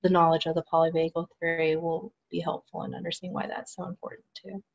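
Her voice sits low and creaky, delivered flatly and quickly through lo-fi audio with a bit of hiss or hum. She's a support group organizer appearing as a guest on a remote call, chatting casually but earnestly and eagerly, her sentences tending to fade out.

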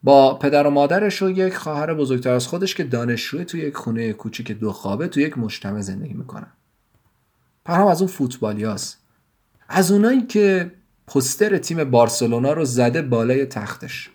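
A man reading his own written story aloud in a measured, even storytelling manner. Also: medium pitch. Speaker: writer and narrator. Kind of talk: scripted story narration.

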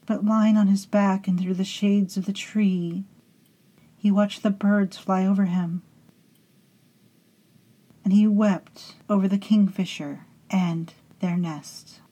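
A woman hosting and narrating a scripted horror story in a hushed, intimate way, sometimes sinking into whispers and calling her listeners beloveds. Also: mid-range voice, fairly even intonation, slow, pauses often, low-quality recording. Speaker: storytelling host.

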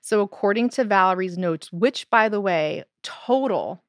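A woman co-hosting a podcast, casually telling a true spooky story, animated and laughing now and then, with lots of "so" and "like". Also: mid-range voice, unhurried, no room sound, clean studio sound.

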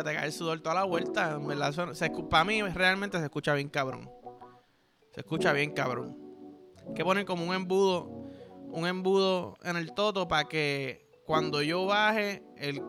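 A man with a Puerto Rican accent hosting a podcast, rambling through a crude comic monologue full of slang. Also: a little high. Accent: Puerto Rican Spanish. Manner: rambling, vulgar, joking, heavy slang. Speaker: podcast host.

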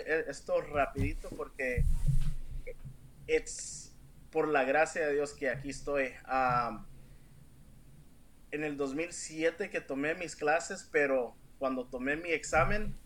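A man's voice: fairly high pitch, fairly bright tone. A man as a podcast interview guest, telling a personal story earnestly and emphatically, with stumbling restarts. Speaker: interview guest, real estate agent.

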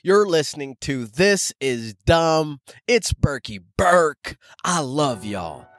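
A man in his thirties with a slightly high voice speaks slowly over faint background noise. Originally from Canada and later based in Arizona, he's a stand-up comedian hosting a casual solo podcast, telling stories in animated, slangy, profane talk and calling his listeners "guys."

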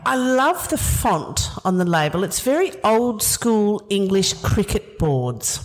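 A woman leading a casual wine tasting, chatty and knowledgeable, explaining flavours with quick laughs. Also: mid-range voice, sing-song, poor audio. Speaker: wine educator.

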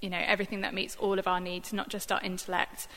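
A woman with a bright, clear voice gives a gentle Bible reflection in a relaxed, conversational way, pausing often to find her words. Her voice rings out with a long hall reverb around it. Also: mid-range voice. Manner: conversational, thoughtful, many fillers. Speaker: church staff member giving a Bible reflection. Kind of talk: informal sermon reflection.

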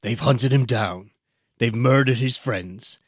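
A man doing a dramatic movie trailer narrator voice, slow and booming, in a podcast chat. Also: husky, no room sound, studio quality. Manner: slow, dramatic, deep announcer delivery.

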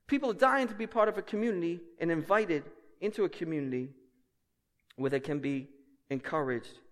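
Higher-voiced male pastor preaching in echoing hall. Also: brisk. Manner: repetitive, emphatic phrasing with rhetorical questions. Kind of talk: sermon. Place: large indoor church hall. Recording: echoey hall with long reverb.

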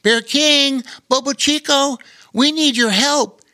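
A man's voice: high voice, a little slow, sharp tone, voice pushed up. A man voicing a young boy who talks in a breathless, urgent rush in a storybook reading.

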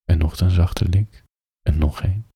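A man reading an adult story as a bedtime story, in a very husky, breathy voice. His voice sits low with a gravelly fry, soft and intimate, often sinking into a whisper. It is recorded close and bone-dry. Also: normal speed, no echo.

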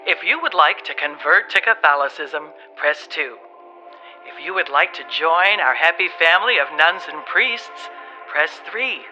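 A sing-song recorded phone menu voice for a church helpline, cheerful and bouncy. Her pitch swings all over, and the sound is dull and lo-fi. Music plays underneath. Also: lively intonation, a little slow, bright, forceful tone, exaggerated voice. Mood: bright. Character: automated church phone menu voice, female, chirpy. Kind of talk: radio play. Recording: lo-fi with music behind.

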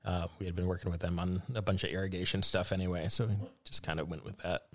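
A vegetable farmer with a deep voice and quick pace answers interview questions. He's relaxed but hesitant, with many fillers and restarts.

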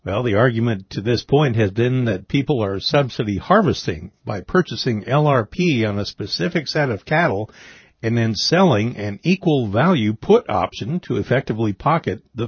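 Male report presenter, husky mid-range voice, scripted commentary, slightly dull recording. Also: medium pitch, no echo. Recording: dry, slightly dull audio.

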